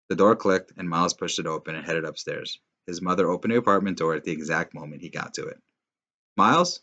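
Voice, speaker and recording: A teacher reading a novel aloud in a steady storytelling manner, with occasional slips and restarts. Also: male voice, low voice.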